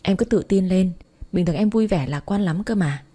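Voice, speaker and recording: A woman voicing a calm young man who gently reassures his girlfriend. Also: on the low side, moderate pace, close to an everyday voice. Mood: coaxing.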